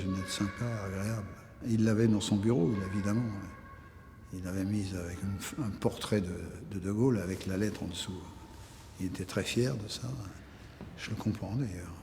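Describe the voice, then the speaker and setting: A man talking casually and haltingly in a documentary interview. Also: on the low side, warm tone, in a large hall, a little hiss or hum.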